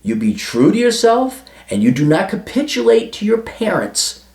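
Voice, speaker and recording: This man's high-pitched voice is creaky yet a little mellow, and he sounds very animated while speaking at a moderate pace. As an advice vlogger replying to a listener letter, he gives crude, emphatic guidance laced with swearing. The recording carries a roomy echo.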